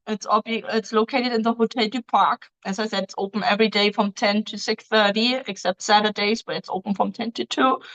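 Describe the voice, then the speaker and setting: With a fairly high, fairly bright voice, this dating agency host reads viewer questions aloud during a casual live Q&A. German is her first language, and she answers in loose non-native phrasing with many ums, all on a lo-fi recording.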